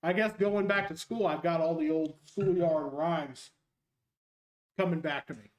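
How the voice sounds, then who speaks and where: A man streaming a racing game and joking his way through casual, rambling commentary as a high school teacher. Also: a little slow, roomy sound. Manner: jokey, rambling, self-mocking.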